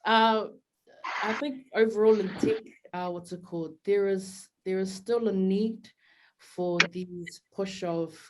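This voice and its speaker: A woman's voice: medium pitch, fairly even intonation, slow pace, background noise. Bubbly New woman on a video call. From New Zealand. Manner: upbeat, bubbly, laughs easily. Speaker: panelist, developer evangelist. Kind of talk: casual panel talk.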